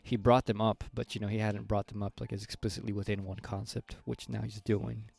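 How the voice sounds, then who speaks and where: Male, low unhurried voice with fry, mellow and dry, haltingly working through a philosophy text in discussion. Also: flat delivery, no echo. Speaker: reading group member leading the discussion. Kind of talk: informal philosophy discussion with reading aloud. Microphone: voice call microphone.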